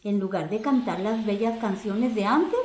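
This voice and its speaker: A woman's voice: medium pitch, a little mellow, lightly acted. Lady doing a worried little worm guy, fretful, echoey. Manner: fretful, slow. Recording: echoey room.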